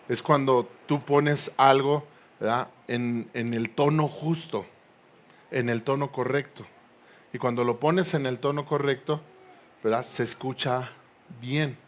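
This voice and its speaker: A male pastor preaching a sermon in a church. He builds to emphatic peaks, prompts the congregation to respond, and makes playful asides. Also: medium pitch. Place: church sanctuary.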